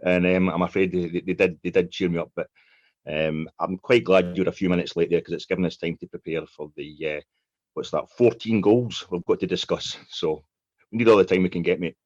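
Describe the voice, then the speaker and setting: A man's voice: deep voice, fairly even intonation, a little fast, no room sound. A man, a podcast guest, chatting in a jokey, self-mocking way over a dull, dry lo-fi mic. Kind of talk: casual chat.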